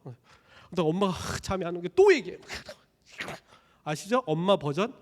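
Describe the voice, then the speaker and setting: A man preaching a sermon as a pastor, telling the story with lively voices for each character. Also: sits high, moderate pace, in a large hall. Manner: animated storytelling, acting out characters' lines. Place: church sanctuary.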